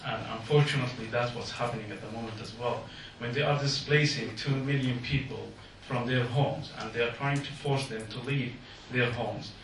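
Here a mid-range, slightly bright male voice gives a public speech in a meeting hall that echoes. He's from Jordan, earnest, and his English is halting and non-native. A distant mic catches a little hiss or hum.

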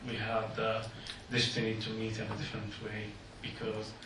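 Speaking at a public meeting in a reverberant hall, this man from Jordan delivers an earnest speech in halting, non-native English. His lowish voice is completely flat. He's picked up from afar, with background noise present.

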